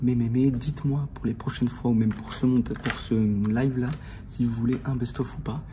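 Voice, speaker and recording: A man speaking quietly to camera from inside a bookshop, hushed and low-key. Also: steady tone, normal speed. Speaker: vlogger. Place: indoors in a bookshop. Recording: noisy background.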